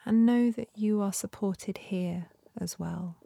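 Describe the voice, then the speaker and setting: With long pauses and a gentle, soothing manner, a woman guides a meditation in a soft, breathy voice that often drops to a near-whisper. Her pitch is medium, and there's no echo.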